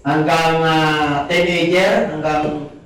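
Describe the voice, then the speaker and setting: Male pastor, high voice, sermon, polite pauses, heavy echo, distant mic. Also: flat delivery, a bit bright. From Philippines. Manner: preaches in Tagalog mixed with English, reads scripture aloud; polite "po", frequent "ah" hesitations. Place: church hall. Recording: very echoey, voice from far off.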